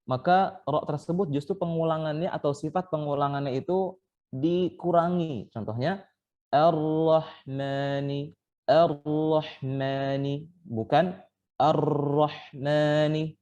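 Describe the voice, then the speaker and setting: Guy teaching recitation over an online call, mellow voice, kinda muffled audio. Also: on the high side, moderate pace. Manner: patient, explains step by step and sounds out letters as examples. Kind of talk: online training lesson.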